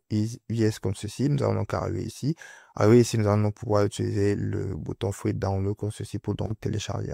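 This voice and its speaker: A man with a low, creaky voice walks through software steps as a tutorial presenter. His delivery is hesitant and repetitive, with very little melodic movement. The sound is dry and close. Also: no echo.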